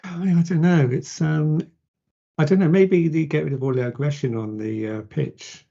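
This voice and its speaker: Recorded with dull lo-fi audio, this man's fairly high, gravelly, dark voice keeps a fairly even intonation at a moderate pace. He hosts a podcast, asking his interview guest casual questions laced with jokes.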